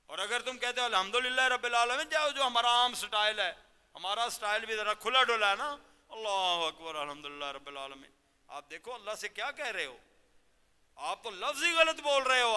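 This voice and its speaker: A man giving a Ramadan sermon as a cleric, exhorting and questioning his listeners and slowing down to demonstrate careful recitation. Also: sits high, bright, forceful tone, clean tone. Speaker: cleric teaching Quran lesson. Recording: long reverb of a large hall.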